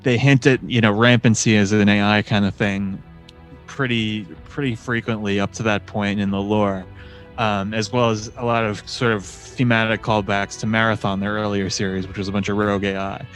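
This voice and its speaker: A man's voice: on the low side, level tone, fairly bright tone, faint music behind. A man co-hosting a podcast in casual chat, critical and chatty, on a podcast mic. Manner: critical, chatty, quick asides. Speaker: podcast co-host.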